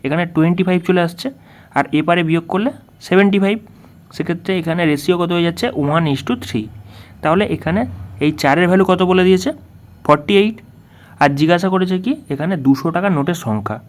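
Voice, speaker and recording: A man with a slightly high voice works through exam questions as a tutor. He explains each step and keeps asking the student what comes next. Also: a little fast. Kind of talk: worked-solution lesson.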